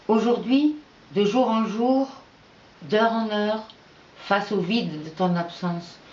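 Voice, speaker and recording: A woman reading her own poetry aloud in an unhurried, measured recitation with pauses between verses. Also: lowish voice, darkish tone, a little hiss or hum. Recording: echoey, dull lo-fi room recording.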